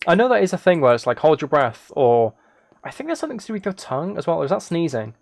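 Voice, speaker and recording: This streamer's voice is on the high side and gravelly, with big swings in pitch and a quick pace. He chats loosely as he plays, reading chat and musing aloud in a rambling way.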